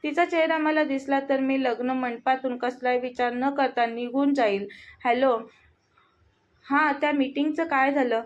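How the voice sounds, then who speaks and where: A woman's voice: high voice, steady tone, moderate pace, natural voice. A woman voicing an arrogant, short-tempered young businessman, speaking in a harsh, commanding way. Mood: harsh, irritated. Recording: dull lo-fi audio.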